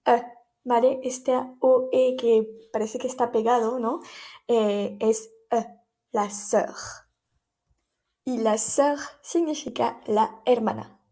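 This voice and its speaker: A woman's voice: fairly high pitch, dark tone. A woman teaching vocabulary in a lesson, carefully modeling pronunciation and translating examples. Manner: slow, careful pronunciation drills. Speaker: French teacher. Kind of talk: language lesson.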